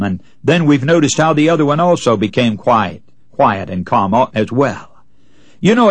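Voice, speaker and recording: A male preacher delivers an earnest, folksy sermon and addresses his listeners as friends. His voice is a little husky, and his pitch rises and falls with lively emphasis. The sound is dry and close. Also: dry recording. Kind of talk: radio sermon with illustrative stories.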